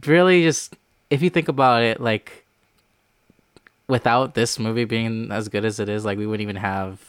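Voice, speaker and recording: A man's voice: fairly low pitch, steady tone, moderate pace, clear, resonant tone, no echo, clean studio sound. A man in his twenties co-hosting a casual movie podcast, rambling with lots of fillers while reading out film facts. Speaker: podcast co-host. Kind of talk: casual chat.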